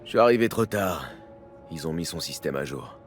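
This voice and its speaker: A man's voice: very deep voice, lively intonation, moderate pace, faint music behind. A man playing a skeptical but loyal streetwise techie in a French video game, casual and matter-of-fact. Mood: sober.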